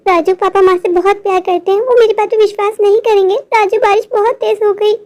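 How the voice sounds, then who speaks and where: A woman's voice: very high voice, flat delivery, fast talker, darkish tone. Pinky, a woman voicing a frightened little girl. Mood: worried pleading. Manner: pleading, fearful. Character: timid anxious young girl, Pinky.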